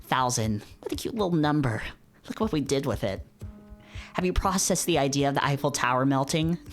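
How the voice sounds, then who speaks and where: A male streamer reads visual novels aloud, mixing dramatic read-aloud with casual, rambling, jokey live commentary and often repeating himself for emphasis. His medium-pitched voice is expressive and fairly quick, with faint music in the background.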